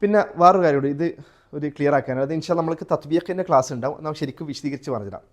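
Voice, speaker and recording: Malayali man teaching a tajweed class. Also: on the high side. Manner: asks students questions, then chants Quran examples slowly. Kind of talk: live class lesson with students.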